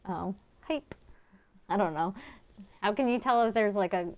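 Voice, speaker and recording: A woman with a Connecticut accent speaks in an unhurried, medium-pitched voice during a live game stream. Chatty and full of fillers, she reads her viewers' chat and answers it casually.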